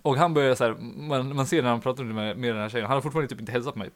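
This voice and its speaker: Rambling young man telling a story. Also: medium pitch. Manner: rambling, filler-heavy, laughs at own story. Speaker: podcast host. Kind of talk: casual anecdote telling.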